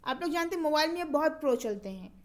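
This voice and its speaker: A woman's voice: high voice, animated, fast. A woman teaching a Hindi spelling and pronunciation lesson for exam preparation, patiently repeating each word and quizzing the viewer with questions.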